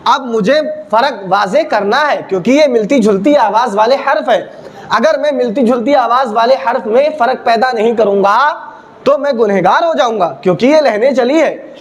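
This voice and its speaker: Speaking at normal speed in a very high voice, a religious teacher runs a recitation lesson through repeated question-and-answer drills. He exaggerates heavy and thin sounds to make their difference clear.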